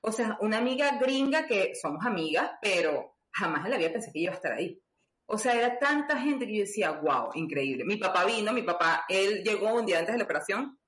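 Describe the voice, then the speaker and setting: A woman's voice: mid-range voice, very animated, fairly quick, fairly bright tone. A woman telling a personal story, chatty, with many fillers and acted-out dialogue. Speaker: guest. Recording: roomy echo.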